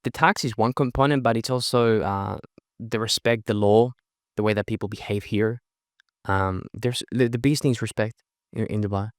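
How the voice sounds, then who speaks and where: The speaker, a podcast guest who organizes networking events, is a young man from Chile with Spanish as his first language and an accent that's part Spanish, part Australian. Speaking fast with a fairly low pitch, he's emphatic and energetic in casual interview talk, frequently ending with "right?". The audio is clean studio sound without any room sound.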